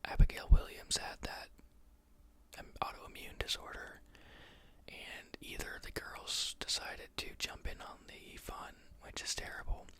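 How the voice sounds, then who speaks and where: A book is read aloud and then pondered out loud by an ASMR host who teaches. The whisper is gentle and calm in pace, and pauses and fillers are frequent.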